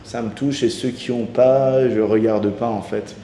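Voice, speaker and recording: A man's voice: medium pitch, steady tone, measured pace, warm tone, a little hiss or hum. A man hosting a casual interview chat, talking enthusiastically with many restarts. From Iranian heritage. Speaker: host. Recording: echoey room with long reverb.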